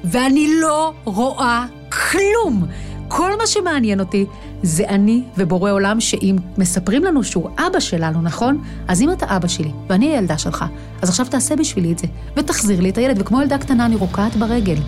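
A woman's voice: mid-range voice, very animated, darkish tone, faint music behind. A woman in her thirties, a guest telling an emotional personal story in a vivid, dramatic way, acting out her own cries. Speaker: guest, Chabad emissary.

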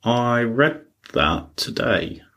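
A man's voice: medium pitch, big pitch swings, extremely slow, vocal fry, pushed and bright, highs cut off. A man co-hosting a podcast, chatting casually about music news in blunt, dry short replies. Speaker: podcast co-host.

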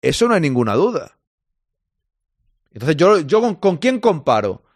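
A man's voice: on the high side, big pitch swings, measured pace, dry recording. Man from Spain, football stream host: chatty, responsive to chat, dry close sound. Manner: chatty, reads out and answers listener comments. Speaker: podcast host reading listener chat.

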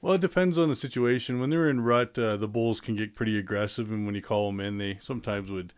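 A man with a Canadian accent talking casually as an interview guest, with a hesitant, halting delivery. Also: lowish voice, clear, resonant tone. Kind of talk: casual personal storytelling.

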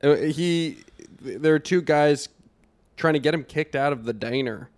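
A man's voice: fairly high pitch, moderate pace, a little mellow, no echo. A man co-hosting a casual movie podcast, easygoing as he recounts scenes. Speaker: podcast co-host.

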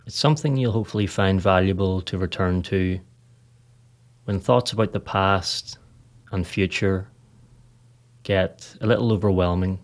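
Guiding listeners through a meditation, this podcast host speaks in a strikingly deep voice. His delivery is calm and steady, broken into brief phrases separated by leisurely pauses.

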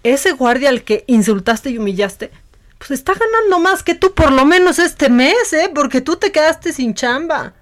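A woman's voice: sits high, lively intonation, normal speed. A woman talk show host, sarcastic and teasing. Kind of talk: casual banter.

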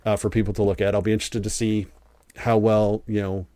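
In a casual interview he hosts for a podcast, an American man speaks fairly quickly in a fairly low, warm voice with little pitch movement. His talk is chatty and rambling, full of restarts, and there's no room sound.

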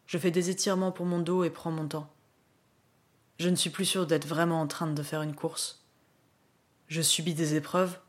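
Low, flat-voiced woman narrating a diary. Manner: subdued, reflective, weary. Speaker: narrator of her own bikepacking race diary. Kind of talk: scripted first-person voice-over narration.

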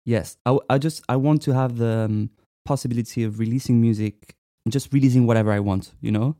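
A man in his twenties from France, a musician talking casually in an interview, relaxed and hesitant with many fillers. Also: medium pitch, brisk, dry recording, studio quality. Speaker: musician guest.

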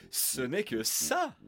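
A woman doing a jovial, cunning wolf peddler. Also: deep voice. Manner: jovial, sing-song. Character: cunning wolf disguised as nut seller. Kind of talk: storybook reading for children.

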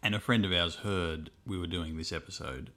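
A man in his thirties co-hosts a podcast in laid-back chat. He has a very low voice and mostly drops in brief, dry remarks. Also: normal speed, fairly bright tone. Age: 30s. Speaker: podcast co-host. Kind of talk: casual chat.

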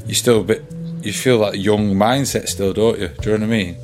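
A man's voice: lowish voice, brisk, music in the background. A thirty-year-old man, co-hosting a casual chat in a jokey way and often asking if you know what he means. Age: 30s. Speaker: podcast co-host.

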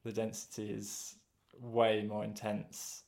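A man co-hosting a podcast in casual chat, quick and joking with self-aware banter. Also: lowish voice, completely flat delivery, creaky, a little mellow. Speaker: podcast co-host.

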